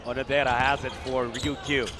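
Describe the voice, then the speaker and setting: A man's voice: mid-range voice, flat delivery, normal speed. A man calling a basketball game live as play-by-play commentator. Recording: loud arena noise behind.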